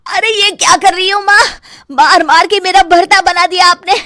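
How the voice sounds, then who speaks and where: A woman's voice: a little high, normal speed, no echo, clean studio sound, natural voice. A woman voicing a bewildered young adult son in a cartoon, yelping and complaining. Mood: whiny. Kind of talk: cartoon dubbing.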